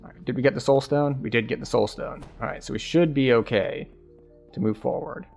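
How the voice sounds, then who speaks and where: A man's voice: medium pitch, a little fast, creaky, darkish tone. A man giving casual live commentary as he streams a video game, talking through his play. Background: faint game music.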